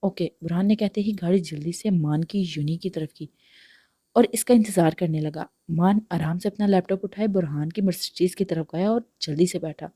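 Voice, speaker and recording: A woman reading a romance novel aloud in a calm, even narration, giving each character a light voice. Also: fairly low pitch, dry recording, clean studio sound. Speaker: novel reader.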